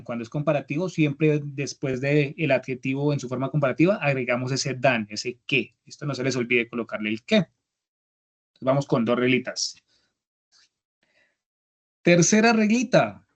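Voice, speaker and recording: A man's voice: medium pitch, moderate pace. A young man teaching an English grammar class, patiently repeating each step and checking that students follow. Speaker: English instructor. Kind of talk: online class explanation.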